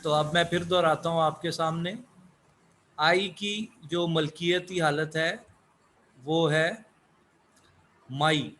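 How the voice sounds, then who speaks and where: A man whose first language is Urdu, giving a slow English lesson, asking questions and answering them himself. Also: fairly high pitch, fairly even intonation, fairly bright tone, a little hiss or hum. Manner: asks questions then answers them, repeats words. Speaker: English teacher.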